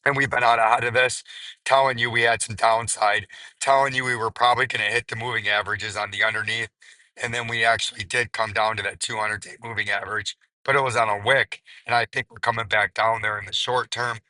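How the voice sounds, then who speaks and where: Male crypto chart commentator, hoarse and strained, very forceful raspy edge, flat lowish delivery. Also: brisk, dry recording, low-quality recording. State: hoarse, voice nearly gone. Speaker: crypto video host.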